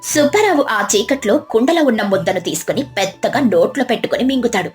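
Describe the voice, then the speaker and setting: A woman narrating a moral story in an even storytelling manner. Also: on the high side, quick pace, faint music behind.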